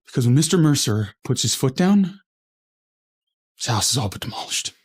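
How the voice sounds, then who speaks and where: An actor playing an arrogant young corporate manager who bullies and threatens his relatives, with a husky voice. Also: medium pitch, sing-song, normal speed. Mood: threatening.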